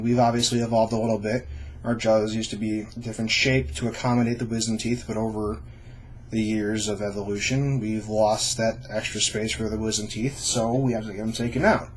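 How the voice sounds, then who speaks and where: A man's voice: on the low side, a little hiss or hum, rough recording. Casual, reassuring young man explaining things. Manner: informal, reassuring. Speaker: vlogger sharing own surgery experience. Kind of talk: casual explanatory vlog to camera.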